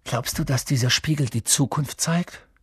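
A man reading an audiobook, voicing an excitable, slightly whiny boy wizard in a raised, husky voice. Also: medium pitch, moderate pace, no echo, studio quality, pitched above the performer's own voice. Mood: eager. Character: eager red-haired schoolboy wizard, boastful.

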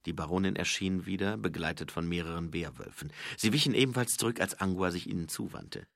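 Expressive male fantasy audiobook narrator. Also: sits low, a little fast, creaky, dry recording, clean studio sound. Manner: expressive, varied delivery.

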